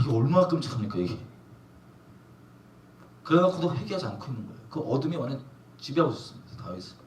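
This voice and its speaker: A man's voice: medium pitch, a little hiss or hum. A man preaching a sermon as a pastor, emphatic and questioning the congregation. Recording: echoey room from a distance.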